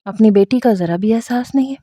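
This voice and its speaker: Hurt young wife, reproachful, a touch higher, mellow and dry, read by a woman. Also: no room sound, lightly acted. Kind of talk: storybook reading.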